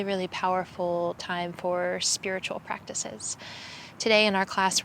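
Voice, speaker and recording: A young woman leads a yoga class and guided meditation outdoors, speaking in a calm, soothing voice with little rise and fall. Her pitch sits in a middle register. A faint outdoor noise stays under her words. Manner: calm, soothing, slow instructions. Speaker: yoga teacher. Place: outdoors in a cemetery.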